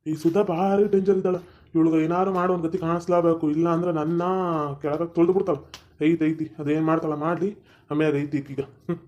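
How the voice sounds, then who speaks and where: Brief: high, quick man, fretful husband in a comic sketch, dull lo-fi sound. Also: little pitch movement, a little mellow.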